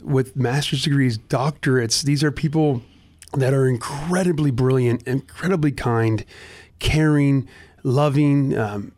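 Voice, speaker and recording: A man's voice: mid-range voice, a little mellow. An earnest man, a guest on a talk show, speaking casually with frequent restarts about volunteering. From United States. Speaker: nonprofit director, guest.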